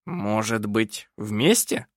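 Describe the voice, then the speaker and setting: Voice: medium pitch, no room sound, clean studio sound, close to an everyday voice. A reader voicing an unflappable, sly police officer in an audiobook. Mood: calm. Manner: calm, unhurried, sly. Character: calm sly middle-aged police officer. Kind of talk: audiobook character voice.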